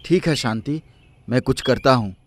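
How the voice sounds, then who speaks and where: A man's voice: mid-range voice, normal speed, noisy background, lightly acted. A man voicing Rabin, an earnest young husband and son, in a cartoon story with music underneath. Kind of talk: cartoon voice acting. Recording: music bed under dialogue.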